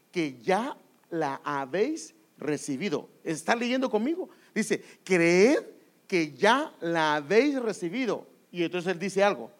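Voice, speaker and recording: A man's voice: fairly high pitch, a little mellow. A man preaching a sermon, emphatic and repetitive, often asking the congregation questions.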